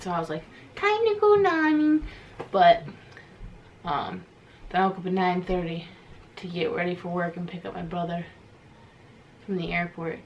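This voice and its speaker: A young woman in her twenties chatting casually to her vlog camera, sleepy and low-key after a nap. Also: slight background noise. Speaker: vlogger.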